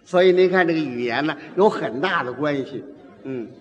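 A man's voice: on the high side, normal speed, muffled recording. A man performing a comic monologue, playfully acting out the people he talks about. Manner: lively, acts out quoted voices, chuckles often. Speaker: comic storyteller. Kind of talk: Beijing-style comic monologue. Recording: long hall reverb.

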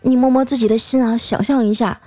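Woman playing a preachy young man, high-pitched. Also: fairly even intonation, fast, a crowd in the background, lightly acted. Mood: lecturing. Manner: preachy, dramatic. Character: earnest young man lecturing on AI doom.

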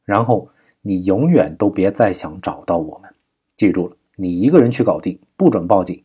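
A man's voice: deep voice, lively intonation, moderate pace, a little mellow, slightly rough. A man reading an audiobook voices a vicious male kidnapper who snarls crude threats over the phone. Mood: threatening.

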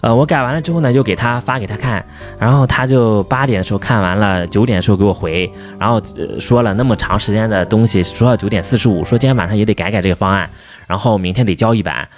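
A man's voice: fairly low pitch, quick pace, soft background music. A man telling a long, profane, angry story about his workplace. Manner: profane, heated, rising to outbursts. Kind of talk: casual angry rant.

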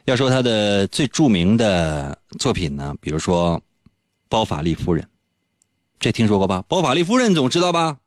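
A male radio host, telling a story on air in a playful, teasing way and often leaping into a high, excited pitch. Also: moderate pace, dry recording, clean studio sound. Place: radio studio.

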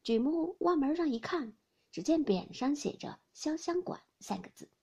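A woman reading a classic novel aloud and acting out each character's lines with big pitch swings. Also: lively intonation, moderate pace, vocal fry, mellow. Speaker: storyteller.

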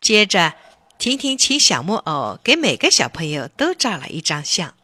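Woman storyteller, bright, lively intonation, dry close sound. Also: on the low side, normal speed, husky, no room sound. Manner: animated, expressive. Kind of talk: children's story reading.

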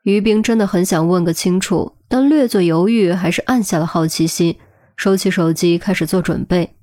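Field: woman narrating a web novel audiobook, steady and even. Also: on the low side, normal speed, no room sound, studio quality.

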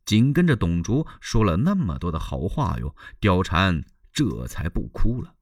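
A man's voice: sits low, very animated, normal speed, dry recording, studio quality. A male storyteller telling a classic tale in a traditional style, chatty and turning to the listener with asides.

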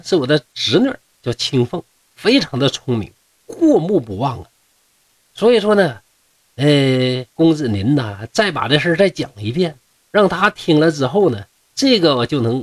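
A man's voice: on the high side, sing-song, moderate pace, dry recording. Old fox spirit elder, boastful, folksy, Northeastern Mandarin accent, close dry sound, voiced by a man. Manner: chatty, persuading, folksy.

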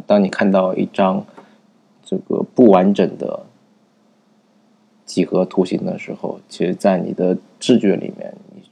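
A man with a low, gravelly voice, very dark and husky in tone. He explains a book's reading method in a loose, conversational way, hesitating often with fillers and starting his sentences over. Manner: thinking aloud with many fillers and restarts. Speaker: book review narrator. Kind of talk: casual spoken book summary.

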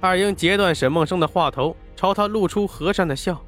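A man narrating an audiobook with expressive storytelling. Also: high-pitched, a little fast, soft background music.

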